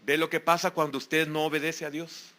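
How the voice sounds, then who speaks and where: A man's voice: on the high side, level tone, brisk, sharp tone. A man preaching an evening church sermon as the pastor, in an emphatic style full of repeated exhortations. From El Salvador. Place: church sanctuary during a service.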